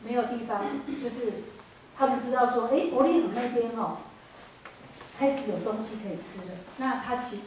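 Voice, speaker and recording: A woman with a Taiwanese Mandarin accent preaches a sermon as a story, often stopping to ask the congregation rhetorical questions. Her fairly high voice hesitates and corrects itself as she goes. She is picked up from some distance in an echoey church hall with faint background noise. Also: darkish tone. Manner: hesitant, with fillers and self-corrections.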